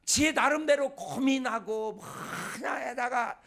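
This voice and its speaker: A middle-aged male pastor giving a sermon in a folksy, animated way, acting out bits of dialogue. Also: extremely high pitch, unhurried, gravelly.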